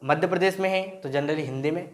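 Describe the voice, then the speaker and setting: A man's voice: fairly high pitch, fast. A man teaching grammar in Hindi, asking and answering his own questions and often checking in with "right?". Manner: explains in Hindi mixed with English terms, asks and answers his own questions. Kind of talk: classroom-style grammar lesson.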